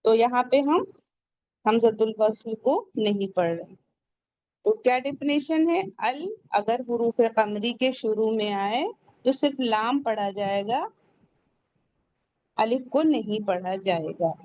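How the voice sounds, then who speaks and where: Slow, careful woman teaching recitation. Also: a little high, darkish tone, no echo, muffled recording. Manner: explains step by step, asks questions and answers them herself; slows down to pronounce Arabic words carefully. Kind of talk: tajweed lesson.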